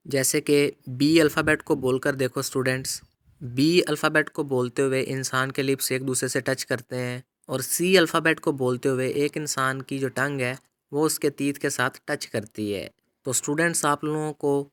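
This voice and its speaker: A middle-aged man teaching students, speaking deliberately, addressing them directly and drilling example words one at a time. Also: medium pitch, fairly bright tone, clear, resonant tone. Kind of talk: explaining phonetics to students.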